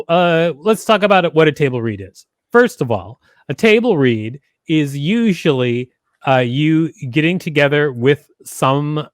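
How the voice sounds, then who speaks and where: Wearing a headset and speaking into a close studio microphone with a foam windscreen, a middle-aged man hosts a conversational, instructional podcast, restating his ideas along the way. His voice sits in the mid range, and the recording is dry and clean.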